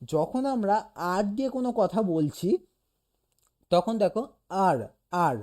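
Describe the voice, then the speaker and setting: Mellow-voiced teacher explaining step by step. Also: mid-range voice, animated, a little slow. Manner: explains patiently, demonstrates sounds aloud, keeps checking "okay?". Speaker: animation teacher. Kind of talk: casual one-on-one lesson.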